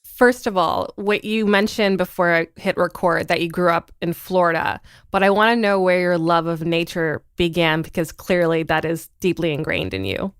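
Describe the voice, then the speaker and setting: A woman hosting a podcast interview, bubbly and quick to laugh. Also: lowish voice, smooth, no echo, clean studio sound. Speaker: podcast host.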